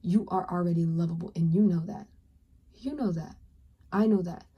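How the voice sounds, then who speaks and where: A young woman doing a pick-a-card tarot reading, speaking earnestly and encouragingly to the viewer, sometimes dropping into a soft whisper. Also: on the low side, normal speed, slightly rough, highs cut off. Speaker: tarot reader.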